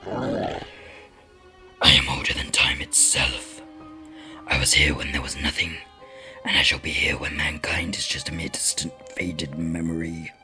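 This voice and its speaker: A woman voicing an ancient, gloomy male demon in a video game, scornful and pompous, in a breathy rasping whisper. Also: extremely low pitch, steady tone, pushed and bright, faint music behind, voice pushed down, full character voice. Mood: grandiose. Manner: pompous, slow, disdainful.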